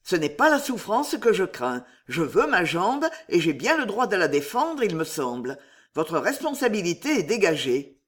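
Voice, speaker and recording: A stubborn, desperate wounded young officer, voiced by a female narrator. He insists and defies in a lively, rising and falling voice, a storybook hero. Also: lowish voice, normal speed. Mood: defiant. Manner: insistent, defiant.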